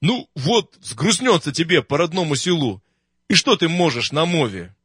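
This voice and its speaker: A man voicing a loud, blustering old Soviet marshal who fires off abrupt questions. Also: expressive, normal speed, breathy edge, no echo, clean studio sound. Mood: brusque. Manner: booming, commanding, abrupt questions.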